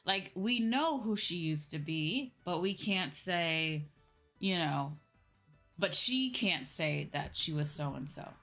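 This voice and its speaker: A VTuber host with a low, fairly bright voice takes her time answering viewers on a relaxed livestream, her intonation lively. She explains in an informal way, repeats points, and checks in with "right?" a lot. Music plays faintly behind her.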